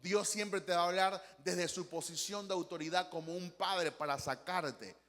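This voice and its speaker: A man's voice: sits high, moderate pace, a bit bright, in a large hall. A man with a Panamanian Spanish accent preaching a sermon as pastor, passionate and acting out quotes as he goes. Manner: impassioned preaching with acted-out quotes.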